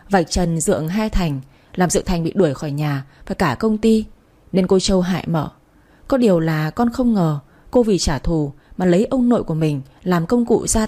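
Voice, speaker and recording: A woman voicing an outspoken young female servant who talks loud and accusing, slightly raised. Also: on the low side.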